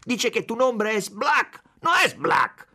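A man's voice: on the high side, moderate pace, a bit bright, voice pushed up, natural voice. A man voicing a furious brutish police chief, snarling in broken speech peppered with Spanish words. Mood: raging. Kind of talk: audiobook character voice.

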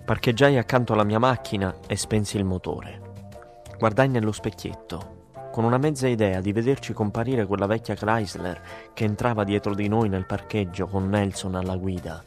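A man narrating a story as an audiobook, in a calm, measured way. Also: lowish voice, faint music behind.

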